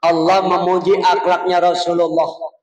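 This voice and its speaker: A man's voice: sits high, flat delivery. A male preacher giving a humorous, folksy Maulid sermon in a mosque. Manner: joking, folksy, drawn-out religious phrases. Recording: echoey, dull, distant mosque PA.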